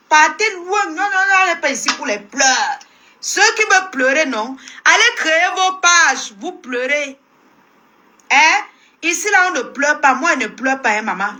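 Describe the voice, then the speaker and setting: On a phone live stream, a Cameroonian woman rants heatedly at her audience in a high, sharp voice with a tense edge. She scolds and fights back, speaking with a Cameroonian French accent and circling the same lines again and again.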